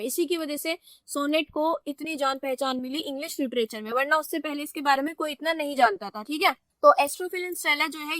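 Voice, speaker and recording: A woman's voice: high-pitched, pushed and bright, dry recording. A young woman teacher explaining poetry step by step for an exam, often checking that students follow. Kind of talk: exam-focused poetry lesson in mixed Hindi and English.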